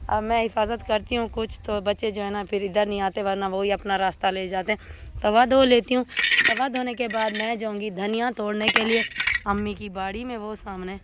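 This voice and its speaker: A woman's voice: medium pitch, fairly even intonation, normal speed, noisy background. Woman, sore throat; chatty, step-by-step narration of chores, outdoor courtyard with faint ambience. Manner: chatty, explaining each step, often says "jo hai na". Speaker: village family vlogger. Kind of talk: casual narration of household chores. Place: outdoor village courtyard in fog and wind.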